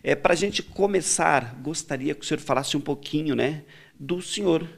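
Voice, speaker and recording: A man's voice: a little high, moderate pace, creaky. A man hosting a talk show, asking questions with hesitant fillers. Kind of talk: interview hosting.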